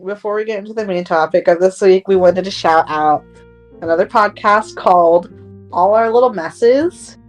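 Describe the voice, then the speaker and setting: A woman's voice: mid-range voice, moderate pace, faint music behind. A young woman co-hosting a podcast, chatting casually with lots of fillers and laughs. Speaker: podcast co-host. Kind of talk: casual chat.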